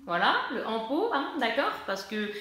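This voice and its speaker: A woman's voice: on the high side, very animated, normal speed, fairly bright tone. Chatty woman in an echoey room. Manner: chatty, searches for words, self-mocking. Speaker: beauty vlogger. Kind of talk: casual haul video.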